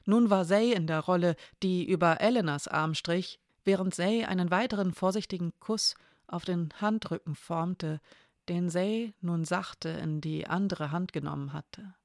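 A narrator reading a story aloud in a calm, measured way. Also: medium pitch, no room sound, studio quality. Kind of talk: audiobook reading of an intimate story.

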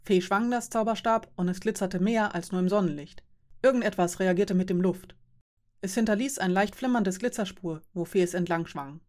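A woman narrating a story in a plain, even reading voice. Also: medium pitch, moderate pace. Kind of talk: audiobook reading.

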